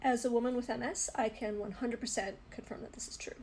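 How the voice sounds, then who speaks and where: A woman's voice: on the high side, fairly even intonation, fast, darkish tone, a little hiss or hum. A woman speaking earnestly and emphatically in casual personal commentary. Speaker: content creator.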